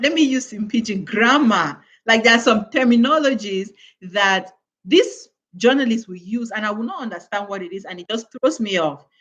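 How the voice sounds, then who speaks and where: A woman from West Africa giving an earnest motivational talk to mothers on a live stream, full of rhetorical questions. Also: mid-range voice. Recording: dull, lo-fi sound.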